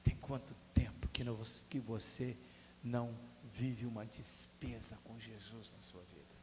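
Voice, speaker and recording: A man's voice: medium pitch, a little slow, darkish tone. A man of around fifty with a Brazilian Portuguese accent, a pastor preaching an earnest, testimony-style sermon in a church. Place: church sanctuary. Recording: echoey church hall with faint hum.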